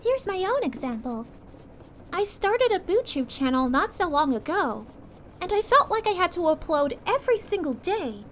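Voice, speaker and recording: Very high-pitched, gentle cartoon princess. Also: female voice, sing-song, moderate pace, a little hiss or hum, full character voice. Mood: soothing, encouraging. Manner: gentle, reassuring, chatty. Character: sweet young cartoon princess, gentle, caring, encouraging friend. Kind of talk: calming ASMR audio roleplay.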